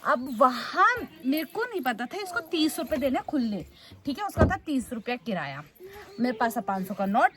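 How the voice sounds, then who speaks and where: A young woman with a fairly high voice chats to camera as a travel vlogger. She retells her story in a lively, casual way and fills it with little filler words. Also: moderate pace, a crowd in the background. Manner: chatty, animated retelling full of fillers.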